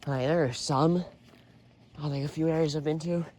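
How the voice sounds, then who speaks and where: A young male vlogger on a solo walk along a quiet outdoor road talks at normal speed in a somewhat high, fairly even, slightly mellow voice. He rambles, leans heavily on fillers, and sighs a lot, captured by the phone in his pocket.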